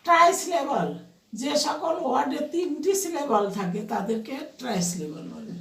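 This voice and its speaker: A woman teacher giving an online grammar lesson to young pupils, spelling words out slowly and asking and answering her own questions. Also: high voice, animated, roomy sound, far from the mic. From Bangladesh.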